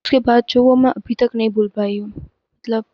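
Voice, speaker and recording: Teen girl vlogger, emphatic storytime retelling, slightly high, dull dry home recording. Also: steady tone, normal speed, no room sound. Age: teens. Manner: chatty, emphatic retelling with frequent restarts. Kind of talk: casual storytime vlog.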